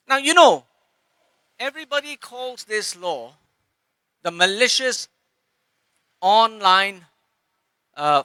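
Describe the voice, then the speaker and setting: A Singaporean man giving an impassioned public speech at a rally, with halting pauses and restarts. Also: high-pitched, bright, forceful tone, clean tone, dry recording.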